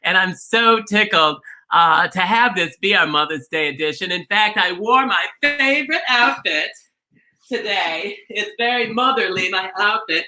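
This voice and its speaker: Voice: mid-range voice, lively intonation, measured pace, bright, forceful tone. A performer playing a campy, gushing beauty-queen bingo hostess from Minnesota, with theatrical comic delivery in a bingo caller style. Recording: roomy echo, music behind.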